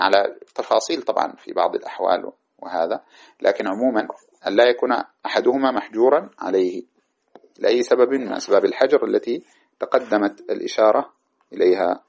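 A man's voice: on the low side, creaky, darkish tone, husky. A man teaching Islamic jurisprudence in a classroom lecture, reading passages from a text and explaining them at length. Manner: reads a passage aloud, then explains it at length. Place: lecture hall with microphones. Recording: dull lo-fi lecture recording.

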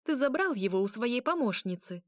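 Casting: woman doing a young witch, sarcastic and snappy, voice pitched up, dry close sound. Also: very animated, moderate pace, dry recording. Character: sharp-tongued young witch, irritable and sarcastic.

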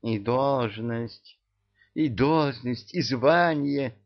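A man's voice: medium pitch, very slow, highs cut off, voice pushed up. A man voicing a doting old witch woman who coos and fusses in an audiobook. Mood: cooing. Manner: cooing, fussing.

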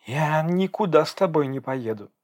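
A man voicing a furious, defiant young pregnant woman who shouts and pleads in a raised voice. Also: fairly high pitch, animated, normal speed, voice pushed up, natural voice. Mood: bitter.

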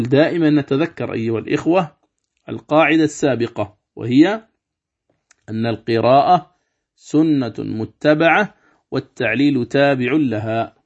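A man's voice: mid-range voice, a little mellow, dull audio. A man teaching a religious lesson on Quran recitation. He explains step by step, asks rhetorical questions and draws out the recited examples.

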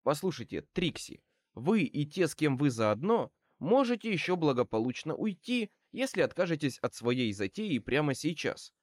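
A man reading an audiobook as a male wizard private eye who speaks wryly and with calm menace. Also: a little high, normal speed, dry recording, clean studio sound. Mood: wry, cool. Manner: wry, calmly threatening.

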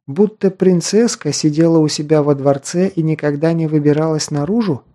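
A man reading an audiobook, voicing a proud but sheltered young noble girl in a raised, softened voice. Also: fairly high pitch, normal speed, voice pushed up, natural voice.

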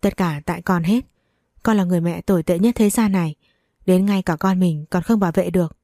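A woman's voice: on the low side, brisk, warm tone, no room sound, studio quality, lightly acted. A woman reading the part of a manipulative, vengeful young woman in a spoken story. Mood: tearful, pleading.

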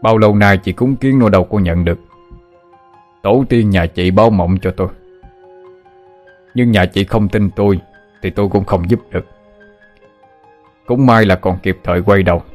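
A man voicing a calm, authoritative older exorcist who speaks in a measured way. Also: sits low, close to an everyday voice.

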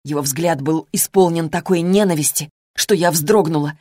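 Woman narrator for a first-person novel, low voice, dry studio, steady measured delivery. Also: no echo. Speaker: audiobook narrator.

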